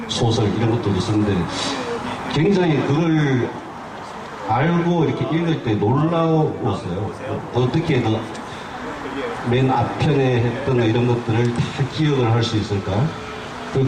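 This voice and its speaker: A man emceeing an outdoor rally, sharing reflective remarks and announcing the next speaker. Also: mid-range voice. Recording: distant, echoey, with loud street noise.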